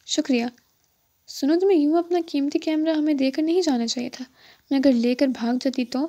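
A woman's voice: sits high, fairly even intonation, dark tone. A woman voicing a proud young woman doctor who speaks curtly and tries to seem aloof, in an audiobook. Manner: curt and aloof.

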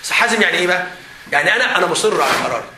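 Man, Egyptian Arabic accent, teacher leading a seminar, animated and joking, high voice, echoey hall. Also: rapid-fire. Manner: animated, joking, often laughing while talking. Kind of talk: lively seminar talk to students. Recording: echoey hall with faint background noise.

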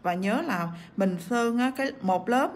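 A woman's voice: a little high, unhurried, slight background noise. A woman with a cough teaching nail art on a livestream, chatting as she works and reading out viewer comments. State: sick with a cough.

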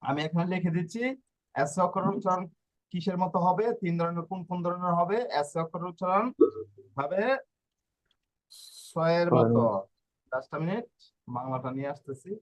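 Fast-talking, high-voiced male teacher. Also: poor audio. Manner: repeats and rephrases points. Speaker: language teacher. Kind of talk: online language lesson.

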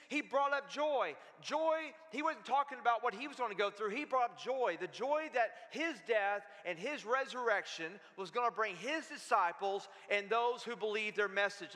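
A man preaching with a high, bright, forceful voice. He drives his sermon with energy and keeps turning to the congregation for answers. The sound rings out in a church sanctuary with a long reverb. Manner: energetic, calls out to the congregation for responses. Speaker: pastor.

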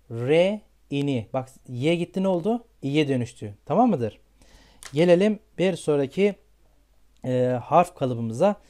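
A man's voice: on the high side, warm tone. A man teaching beginner English pronunciation, asking questions and checking in with his students again and again. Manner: repeats questions and checks with "tamam mı".

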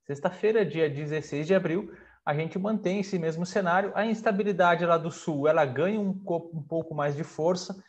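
A man's voice: on the high side, normal speed. A man in his thirties from Brazil, an agrometeorologist presenting the weather forecast over maps in a conversational way, speaking over a video call from a room at home. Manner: conversational, with frequent pointing fillers.

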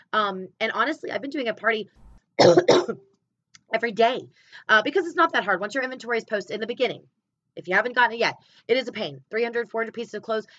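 Bright-voiced woman, candid vlogger. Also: mid-range voice. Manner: emotional, candid, chatty. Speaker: clothing sales consultant. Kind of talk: casual personal vlog. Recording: slightly dull, dry sound.

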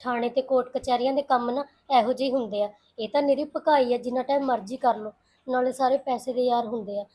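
An actress playing a caring young woman who calmly reassures and comforts. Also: on the high side, a little fast, lightly acted, rough recording. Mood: reassuring. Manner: soothing, reassuring. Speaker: young sister-in-law. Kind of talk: Punjabi web-series acting.

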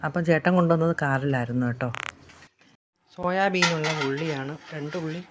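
A woman's voice: low voice, fairly quick, noisy background. A middle-aged woman chatting casually through her evening chores for a home vlog, explaining each step to viewers. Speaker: homemaker vlogger.

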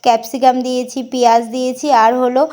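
A woman's voice: high-pitched, flat delivery, quick pace, darkish tone. A young woman vlogger chatting through her day and a recipe, talking viewers through each step. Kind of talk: cooking vlog voice-over.

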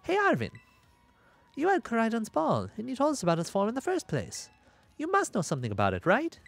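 Man putting on an excitable, high-pitched teenage girl. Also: fairly quick, creaky, faint music behind, heavily acted. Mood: curious, excited.

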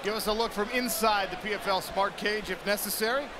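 A man's voice: sits high, steady tone, fairly quick, background noise. A man giving live play-by-play fight commentary as a broadcast commentator. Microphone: broadcast commentary microphone. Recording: loud music and crowd behind.

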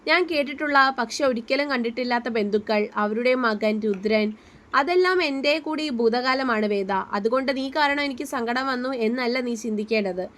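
Woman reading as a gentle caring young man. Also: a little high, a little fast, lightly acted. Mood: tender. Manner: soft reassuring.

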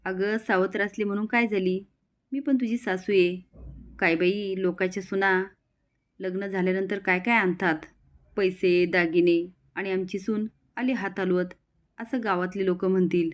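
A woman's voice: medium pitch, steady tone, moderate pace, close to an everyday voice. A woman doing a taunting, nagging aunt. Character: nagging teasing middle-aged aunt.

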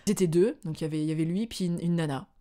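A woman from France telling a personal story to her viewers in a casual, animated way, often pausing on filler sounds. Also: on the low side. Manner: chatty, animated, acts out dialogue; hesitant with frequent filler sounds. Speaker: vlogger.

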